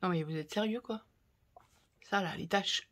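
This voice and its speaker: Chatty French woman with a bright voice. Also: fairly low pitch, moderate pace, slight background noise. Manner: chatty and expressive, talks to viewers while unpacking. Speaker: craft vlogger. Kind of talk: casual haul chat to camera.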